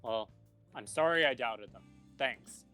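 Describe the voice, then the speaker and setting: A man voicing a middle-aged cafe owner who talks in a dry, deadpan, weary way. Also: mid-range voice, unhurried, clean tone, faint music behind. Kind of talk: fan comedy dub.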